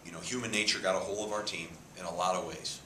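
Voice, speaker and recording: Man, 50s, football coach, press conference, forceful tone, faint hiss. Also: sits low, steady tone, fast talker. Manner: emphatic, repeats words, gestures a lot. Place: press room with a sponsor backdrop. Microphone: table mic cluster. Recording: echoey room, faint hiss.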